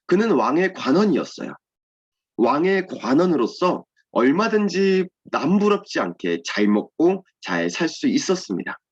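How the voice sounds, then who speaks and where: A man's voice: mid-range voice, breathy edge. A man giving a children's sermon, explaining simply and asking and answering his own questions. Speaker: children's ministry pastor. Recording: dull lo-fi sound.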